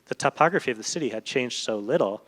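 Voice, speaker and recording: Speaking fast and animatedly in a medium-pitched, slightly bright voice, this literary translator is a guest in an on-stage conversation in a large hall at a public event. He's thoughtful and digressive, frequently hunting for his words, and the hall reverberates.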